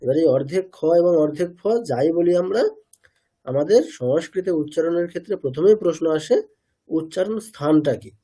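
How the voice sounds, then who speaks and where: This Indian man teaches Sanskrit pronunciation in an online class, asking questions, echoing students' replies, and repeating syllables to demonstrate each sound. He speaks fairly quickly in a fairly high, mellow voice that's slightly rough.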